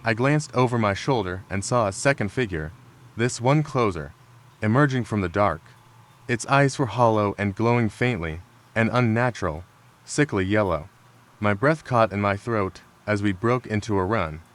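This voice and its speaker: A man with a fairly low voice reads a scary story in a measured, unhurried way. His delivery is calm and scripted, and faint rain patters behind him. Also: slight background noise. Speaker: horror story narrator. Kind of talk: scripted narration. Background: rain sounds.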